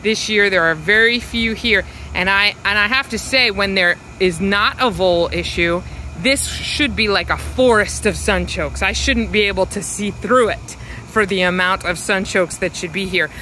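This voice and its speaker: A woman walking through her suburban backyard garden, filming with a handheld phone and explaining each plant in an unhurried, fond way. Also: medium pitch, sharp tone, slight background noise, low-quality recording. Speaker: home gardener giving a garden tour. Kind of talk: casual walking garden tour. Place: outdoors in a suburban yard garden. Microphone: handheld phone camera, speaker behind it.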